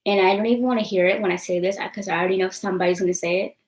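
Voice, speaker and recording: A woman's voice: mid-range voice, steady tone, very fast, a little mellow. A young woman talks straight to her viewers in a loose, rambling live-stream chat, full of likes and ums. She is blunt and defiant and swears without a second thought. Her voice sits in a roomy, echoing space. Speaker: vlogger.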